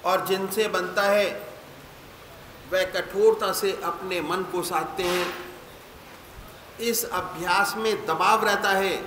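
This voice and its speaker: A man preaches a spiritual sermon in a slow, measured, didactic way, pausing often between phrases. His voice sits high and sounds bright. It is recorded in a roomy hall with long reverb and faint ambience behind. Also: a little hiss or hum. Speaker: spiritual teacher.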